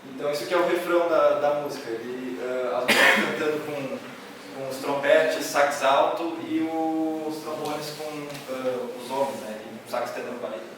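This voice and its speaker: Male instructor, loud and rambling, heard from afar in a very echoey hall. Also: on the high side, fairly even intonation, normal speed, noisy background. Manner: loud, nearly shouting, with many fillers and restarts. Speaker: music workshop instructor. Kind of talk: workshop explanation to students. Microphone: camera from a distance. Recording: echoey hall recorded from far off.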